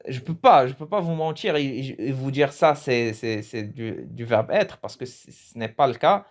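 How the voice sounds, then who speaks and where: A man's voice: mid-range voice, expressive, moderate pace. A man from Morocco giving a casual, chatty language lesson, often restarting his phrases and laughing at his own jokes. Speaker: language teacher.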